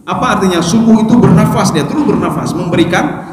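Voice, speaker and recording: A man's voice: sits high, quick pace, very noisy. A man preaching a Quran exegesis lecture, speaking emphatically and often turning to his listeners directly. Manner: addresses listeners as "Pak", lively emphatic delivery. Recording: echoey hall with long reverb.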